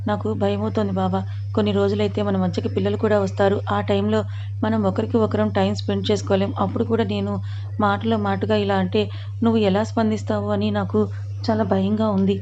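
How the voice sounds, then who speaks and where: A woman's voice: mid-range voice, flat delivery, brisk, warm tone, dull audio, a little hiss or hum, lightly acted. A woman voicing a moody pregnant young wife. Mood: tearful. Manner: reproachful, clingy.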